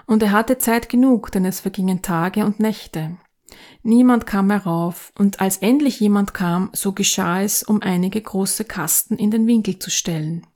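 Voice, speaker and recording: Woman, narrator, fairy tale reading, calm, even, mid-pitched voice. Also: measured pace.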